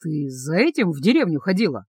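A cocky, mocking male dragon guard speaks low and unhurried, as a woman narrator puts him on. The voice sits well below her own and stays level and self-satisfied. The recording is close and dry. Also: no room sound, lightly acted. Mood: gentle. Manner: low, smug and calm.

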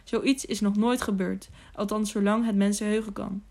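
A woman's voice: mid-range voice, steady tone, normal speed, a little mellow, lightly acted. A woman voicing a proud, defiant young male squire with earnest, clipped replies, in an audiobook reading.

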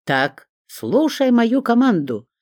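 A reader voicing a gruff, teasing older male boss who gives orders in jest, with lively pitch in a dry recording. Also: moderate pace, no echo. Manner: bossy, teasing, commanding.

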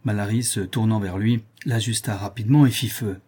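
A man reading a seafaring novel aloud as narrator, measured and steady. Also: fairly low pitch, breathy edge. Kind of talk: audiobook reading.

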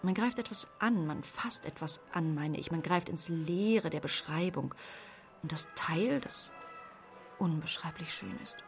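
A woman at odds with her own body, speaking in a fairly low voice. She talks in wry, rambling asides and keeps correcting herself. It is a literary radio play monologue. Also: a little slow, faint music behind.

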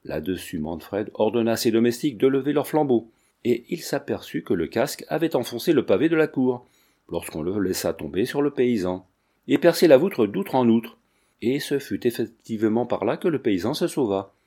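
Mellow-voiced man reading a classic novel. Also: mid-range voice, sing-song, moderate pace, breathy edge. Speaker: audiobook reader.

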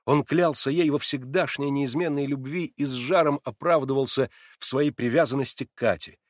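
Brief: male narrator, measured and expressive, dry close recording. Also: mid-range voice, no room sound. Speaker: reader. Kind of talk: audiobook narration.

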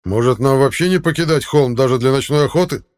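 A man's voice: mid-range voice, quick pace, voice pushed up, natural voice. A man voicing a proud, touchy male fairy warrior with a menacing way of speaking. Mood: indignant.

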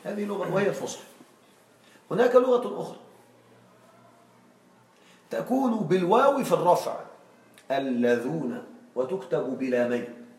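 A male teacher with a slightly high voice leads a classroom grammar lesson and keeps stopping to quiz his students. He sounds set back from the microphone, and his voice carries through a roomy, echoing space. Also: normal speed, long pauses, darkish tone. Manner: quizzing students with frequent check questions. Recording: echoey room, far from mic.

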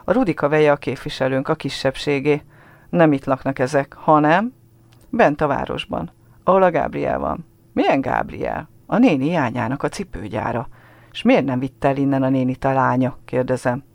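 Man, literary reading, radio show, measured storytelling, gravelly voice, dry studio. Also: medium pitch, no echo.

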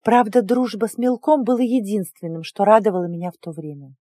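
A woman reading a first-person story in an even, measured manner. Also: mid-range voice, husky, dry recording, clean studio sound. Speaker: audiobook narrator.

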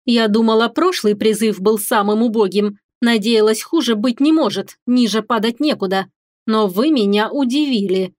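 A woman voicing a cruel, sneering female drill instructor in an audiobook, spitting out insults slowly and with contempt. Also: on the high side, a little mellow, dry recording, studio quality, close to an everyday voice. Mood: scornful. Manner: slow, spat-out insults, contemptuous. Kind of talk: audiobook character voice.

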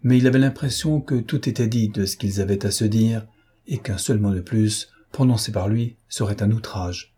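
A man narrates a classic novel at a measured, steady pace, telling the story with care. His voice is low and mellow, with a slight husky grain. The delivery is controlled and even throughout. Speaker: audiobook narrator. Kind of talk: scripted narration.

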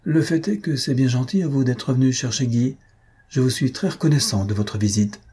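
A man voicing a lonely, kind country gentleman who grumbles and reproaches his friend. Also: medium pitch, moderate pace, slightly rough. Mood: cordial.

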